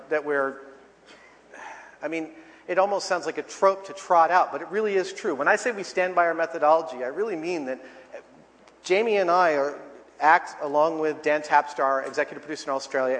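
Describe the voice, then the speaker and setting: In a large convention hall with an audience, a man with a fairly high, fairly bright voice answers audience questions at a live talk. He comes across as enthusiastic and loose, swearing a bit.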